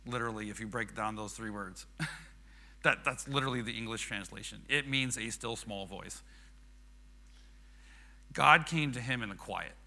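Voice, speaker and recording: A man's voice: mid-range voice, bright, forceful tone. A middle-aged man giving a chatty, self-deprecating sermon, acting out quoted prayers and voices. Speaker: preacher. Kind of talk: conversational sermon.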